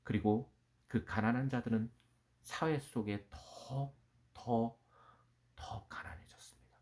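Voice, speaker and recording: Male pastor mid-sermon, dynamic delivery: whispered low lines, then big rising proclamations. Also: fairly even intonation, slow pace. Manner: swings from hushed, near-whispered lines to loud, rising declarations. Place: church.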